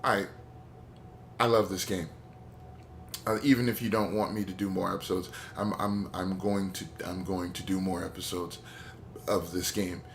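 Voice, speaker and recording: In this let's play, a man offers gameplay commentary, rambling, sharing strong opinions, and joking along the way. His slightly low voice comes across flat at a normal speed with long pauses, over a faint background hiss.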